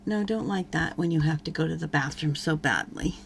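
A woman's voice: low voice, fairly quick, vocal fry, a little hiss or hum. A woman giving casual gameplay commentary as a let's play host, chatting and talking to her game characters as she plays.

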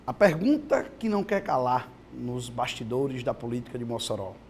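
Um homem que faz comentários políticos opinativos num telejornal matinal, falando de forma enfática. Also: male voice, mid-range voice, sing-song, moderate pace, creaky, a little mellow, slight background noise. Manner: emphatic, rising and falling for emphasis. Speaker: political commentator on a morning TV news show. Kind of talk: opinionated political commentary.

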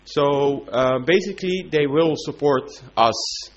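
A man's voice: on the high side, slow. A man speaking persuasively at a conference, announcing news and appealing to the room. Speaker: conference delegate. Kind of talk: conference speech. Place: conference hall. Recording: dull conference-room recording.

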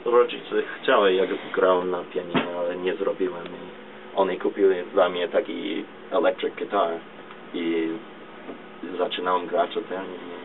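Low-voiced young man, halting. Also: little pitch movement. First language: English. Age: 20s to 30s. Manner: halting, searching for words, mixing in English. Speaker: musician guest. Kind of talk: casual interview. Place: small radio studio, indoors. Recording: dull distant lo-fi camera recording, clear noise.

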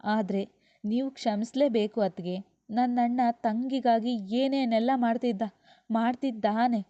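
A woman's voice: a little high, fairly even intonation, unhurried, mellow, no room sound, close to an everyday voice. A woman voicing a proud young wife who turns tearful and pleading, in a dull lo-fi recording. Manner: pleading, emotional.

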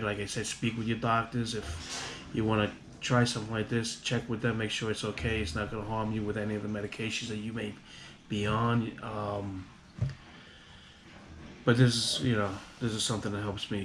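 A man vlogging casually about a home remedy, rambling with halting restarts and fillers. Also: on the low side. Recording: audible background noise.

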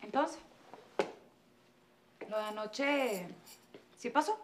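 A sassy, high-voiced woman in a telenovela who teases and then demands straight talk. A clear hiss of noise sits behind her. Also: expressive, very slow. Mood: coy. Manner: teasing, impatient, blunt.

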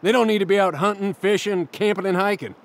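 A man's voice: high voice, fast. A middle-aged man delivering a scripted comedic monologue, ranting sarcastically and mocking people. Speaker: comedic outdoorsman host.

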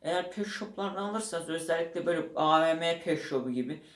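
A man's voice: on the high side, fast. A man casually explaining how to keep a pet bird at home, rambling and stopping to search for words. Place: room at home beside a bird cage. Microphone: handheld camera set up nearby. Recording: echoey room.

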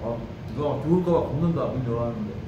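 A man's voice: medium pitch, expressive, very fast. A man who runs a restaurant, talking casually while chewing food in his shop, rambling as he thinks aloud. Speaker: restaurant owner. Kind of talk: casual eating vlog. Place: his own pizza shop, door open. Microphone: camera set some way off. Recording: echoey, distant, noisy room.

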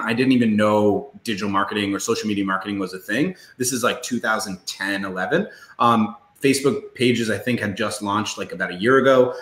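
A man on a podcast as a guest entrepreneur, telling stories in an animated, casual way and swearing freely. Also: lowish voice. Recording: roomy echo.

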